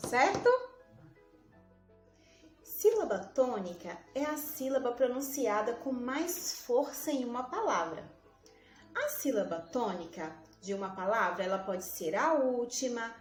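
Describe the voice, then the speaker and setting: Woman teacher, slow drawn-out syllables, quizzing the pupil, roomy echo, faint background music. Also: on the high side. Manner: slow, drawn-out syllables, repeats words aloud; asks the pupil questions, says "certo?". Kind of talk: recorded remote school lesson.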